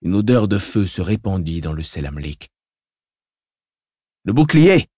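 A man narrates a story in a measured, dramatic way. His voice sits on the low side, and the recording is close and dry, with no room sound. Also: warm tone, slightly rough, no room sound. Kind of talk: scripted audiobook narration.

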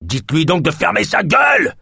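A man doing a gruff, menacing hunter. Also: on the low side, no echo, studio quality, lightly acted. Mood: furious. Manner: slow, crude, threatening. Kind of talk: audiobook character voice.

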